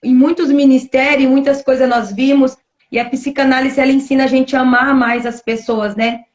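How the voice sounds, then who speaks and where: Brazilian woman hosting a live stream, high voice, emotional, a bit muffled. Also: little pitch movement, moderate pace. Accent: Brazilian Portuguese. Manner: emotional, exclaiming. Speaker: host.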